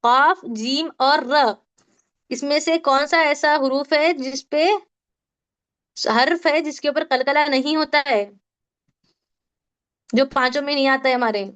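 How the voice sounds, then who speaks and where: A woman teaching an online Tajweed class, drilling letter sounds slowly and quizzing her students. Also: high-pitched, fairly even intonation, a bit bright. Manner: asks the class questions and answers them.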